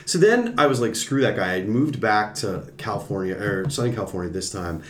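A man's voice: fairly low pitch, a little fast. A man, a podcast guest, telling a story in casual talk and acting out the people he quotes. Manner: animated, acts out quoted voices. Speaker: podcast guest, former TV executive.

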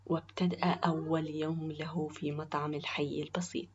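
A woman narrating a story in a soft, often near-whispered voice. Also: sits low, flat delivery, normal speed, muffled recording, very noisy.

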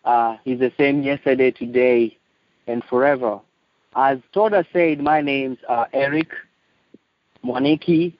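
A man in his late thirties with a Kenyan accent, giving a personal testimony in a halting, earnest way. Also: mid-range voice, fairly even intonation. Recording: muffled, echoey lo-fi phone call.

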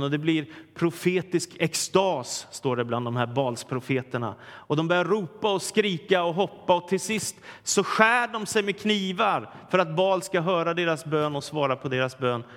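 Male preacher, vivid storyteller, fairly high voice, long hall reverb. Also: fairly bright tone. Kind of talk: sermon retelling a Bible story.

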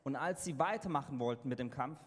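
A man interpreting a sermon live into German, halting and correcting himself as he goes. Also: medium pitch. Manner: halting, with fillers and self-corrections. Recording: reverberant hall sound.

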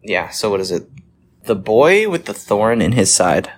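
A man's voice: lowish voice, big pitch swings, unhurried. A young man co-hosting a casual chat, joking, laughing often and swearing freely. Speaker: podcast co-host.

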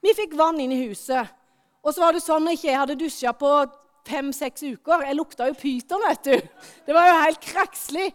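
Woman with a high voice, lively church storyteller who quizzes the kids. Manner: lively storytelling, asks the audience questions. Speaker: preacher speaking to children and adults. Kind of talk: children's sermon.

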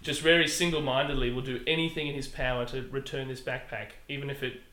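A man's voice: mid-range voice, quick pace. A man casually reviewing a film on a podcast, retelling scenes with playful voices. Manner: animated, acts out scenes in funny voices. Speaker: podcast host. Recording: echoey room with faint noise.

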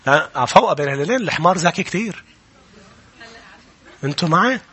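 The man's voice is fairly high and husky, his pace fairly quick. A pastor with a Lebanese Arabic accent, he preaches a sermon to his congregation in a church, quoting scripture and asking questions, his animated delivery rising into loud urgency.

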